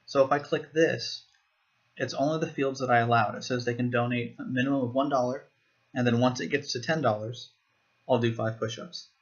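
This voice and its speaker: Man explaining software step by step. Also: mid-range voice, fairly even intonation, brisk, dull audio. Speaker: software demo presenter. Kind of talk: screen-recorded software walkthrough.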